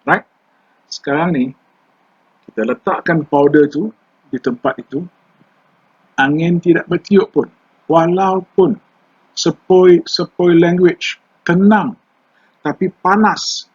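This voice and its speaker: A man's voice: a little high, takes it slowly, pauses often, slightly rough. An older man with a Malaysian Malay accent, teaching environmental law in a chatty lecture style, mixing English terms into his Malay and putting questions to the class. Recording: dull lo-fi recording.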